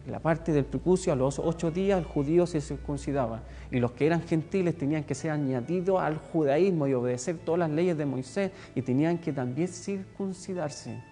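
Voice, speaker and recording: A man's voice: fairly high pitch, fairly quick, hardly any pauses, dark tone, long reverb tail, faint music behind. A man with a Chilean accent preaching a sermon, emphatic and repeating words for stress. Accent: Chilean Spanish.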